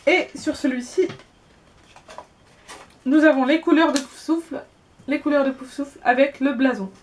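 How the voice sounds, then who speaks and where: A woman's voice: high voice, fairly even intonation, moderate pace, slight background noise. A young woman in her twenties chatting casually in a haul vlog, hesitant and prone to repeating herself. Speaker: book vlogger.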